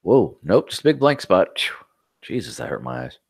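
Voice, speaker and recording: A man's voice: deep voice, sing-song, normal speed, vocal fry, dry recording, studio quality. A man co-hosting a tech podcast, chatting casually, rambling through stories and swearing now and then. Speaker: podcast co-host.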